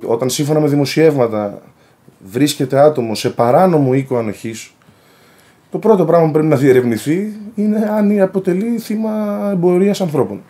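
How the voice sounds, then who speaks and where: Formal man, measured dark voice. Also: fairly high pitch, animated. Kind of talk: documentary interview.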